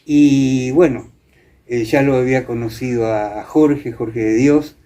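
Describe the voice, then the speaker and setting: In an interview, a former radio actor from Argentina, middle-aged or older, explains and reminisces with hesitant phrasing and lots of tag questions. He speaks a little slowly in a warm, mid-range voice with fairly even intonation.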